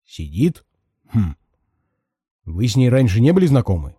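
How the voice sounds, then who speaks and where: A man voicing a stout, suspicious middle-aged woman on a train who talks in a low, grumbling way. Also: very animated, normal speed, dark tone, husky, no room sound, studio quality.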